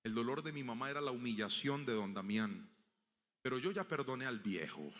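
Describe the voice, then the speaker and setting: Bright-voiced Colombian preacher in a reverberant church. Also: male voice, medium pitch, a little fast. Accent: Colombian Spanish, Antioquia. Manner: animated storyteller acting out dialogue. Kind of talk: sermon storytelling. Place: church hall. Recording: long hall reverb in church.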